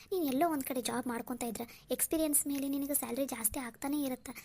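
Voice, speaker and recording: An earnest, worried younger sister from a dubbed cartoon drama, as a woman voices her. Her voice sits high for a woman and she presses her brother with caring, scolding pleas. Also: steady tone, quick pace, warm tone.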